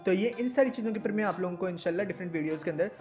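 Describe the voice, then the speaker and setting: A man's voice: high voice, very fast, darkish tone, dull audio, soft background music. A young man teaching in a casual discussion, explaining step by step and often checking that listeners follow. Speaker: teacher explaining language acquisition.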